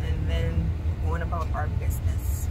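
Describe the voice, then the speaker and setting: Chatty woman vlogging over loud music. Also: deep voice, monotone, moderate pace. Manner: chatty, upbeat, addresses viewers directly. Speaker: family vlogger. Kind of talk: casual vlog narration. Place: in a car. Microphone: phone camera held at arm's length.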